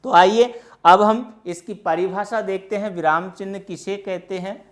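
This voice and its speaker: Woman, teacher, grammar lesson, unhurried, middle pitch, asks and answers her own questions. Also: steady tone. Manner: deliberate, asks the class rhetorical questions.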